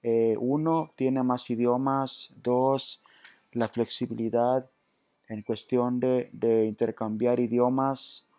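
A man's voice: medium pitch, steady tone, takes it slowly, mellow, no echo. A man presenting a tech tutorial, patiently walking through each step with hesitant restarts. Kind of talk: screen-reader app walkthrough.

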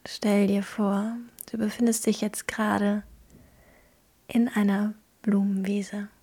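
A woman guiding a meditation in a soft, breathy near-whisper, gentle and hushed, leaving slow pauses between phrases. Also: medium pitch, flat delivery. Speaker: podcast host guiding a meditation.

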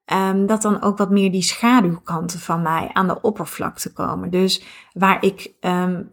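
A woman's voice: on the low side, level tone, unhurried. A woman in her thirties hosting a podcast in a reflective, casual monologue, with many fillers and restarts. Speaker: podcast host.

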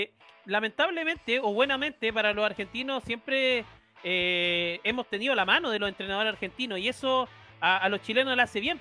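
A man's voice: very high-pitched, pushed and bright. A man giving hesitant football analysis in a casual chat, with many fillers. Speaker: panelist.

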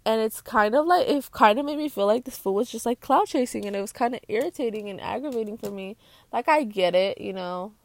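A woman's voice: on the high side, lively intonation, a little fast, no echo. A young woman vlogging and venting, swearing freely and mimicking people with blah blah. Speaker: YouTuber. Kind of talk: casual storytime rant to camera.

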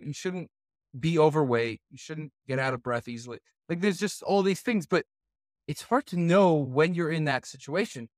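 A man's voice: mid-range voice, dry recording, studio quality. Casual hesitant male podcast host. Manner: casual, hesitant, many fillers and restarts. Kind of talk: podcast interview.

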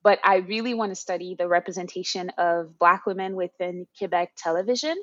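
Low-voiced woman, thoughtful guest. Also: a little fast, no echo, lo-fi sound. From Haiti. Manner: thoughtful, with fillers and restarts. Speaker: podcast guest. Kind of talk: casual interview talk.

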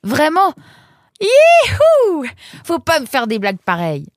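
Woman voicing an excitable young male reporter. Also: measured pace, no echo, clean studio sound. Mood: excited. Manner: excitable, high and breathless.

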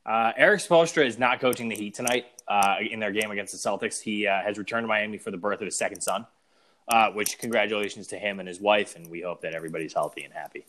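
A young man co-hosting a casual podcast, telling things in an animated way, laughing and sometimes losing his train of thought. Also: lowish voice, quick pace. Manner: animated storyteller, laughs and trails off mid-thought. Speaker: podcast co-host.

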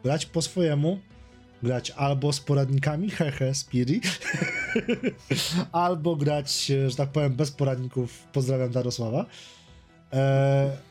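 A man on a casual podcast panel, explaining his view in a halting, deliberate way. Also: medium pitch, a little mellow, faint music behind.

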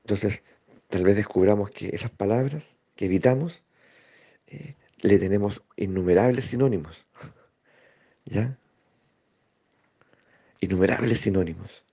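A man giving a slow, reflective spiritual talk, pausing often and checking in with his listeners. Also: lowish voice, warm tone, breathy edge. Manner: slow, thoughtful, with pauses and rhetorical checks. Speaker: spiritual teacher. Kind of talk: reflective spoken teaching. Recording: dull lo-fi recording.

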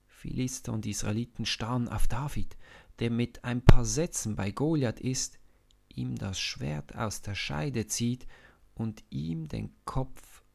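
A man narrating a children's Bible story slowly and dramatically. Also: medium pitch. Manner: slow, dramatic, gravelly reading.

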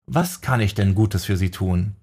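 Guy doing a wry charming magician dude, lowish voice, audiobook. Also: unhurried, a little mellow, husky. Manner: wry, teasing.

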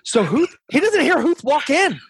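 A man's voice: very high-pitched, sing-song, moderate pace, no echo. A man telling casual podcast stories in heavily profane, slangy, emphatic military talk. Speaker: former military staff sergeant telling stories.

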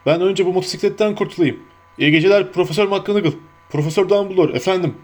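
A man voicing a huge, bearded, gentle giant who speaks dutifully and breaks into sobbing stammers. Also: high-pitched, fast talker, pitched above the performer's own voice. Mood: choked.

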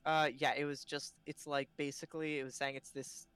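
A man's voice: fairly high pitch, level tone, fairly quick, fairly bright tone, clean tone, dry recording. Laid-back man with a cold. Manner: laid-back, brief replies. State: has a cold. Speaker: podcast co-host. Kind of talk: casual gaming podcast chat.

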